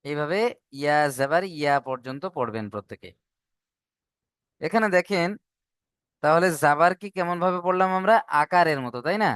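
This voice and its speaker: A man teaching Arabic letter vowels in an online class, patiently drilling syllables and repeating them slowly. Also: on the high side, a bit bright, clean tone, dry recording, clean studio sound.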